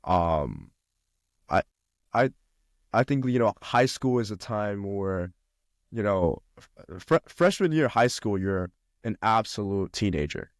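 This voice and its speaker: A young man from China, a podcast guest, chats casually about college life with plenty of fillers and restarts. His voice is on the low side, animated and unhurried, captured in a dry recording with clean studio sound.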